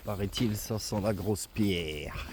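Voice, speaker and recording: A man's voice: on the low side, slow, darkish tone. A man chatting casually while exploring outdoors at night, as in an amateur vlog. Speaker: vlogger exploring megalith site at night. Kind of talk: casual chat. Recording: outdoor recording with faint background noise.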